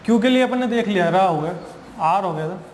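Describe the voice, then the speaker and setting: A high-voiced male teacher explains a spoken English grammar lesson in Hindi, patiently repeating each point and answering his own questions. The recording has a long echoing reverb with faint hiss underneath. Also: lively intonation, brisk.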